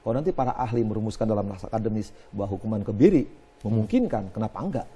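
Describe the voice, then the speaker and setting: Male TV guest, very fast, dark husky voice, argumentative with restarts. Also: lowish voice, lively intonation. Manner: rushed, argumentative, many restarts. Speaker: studio guest commentator. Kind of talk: live news interview.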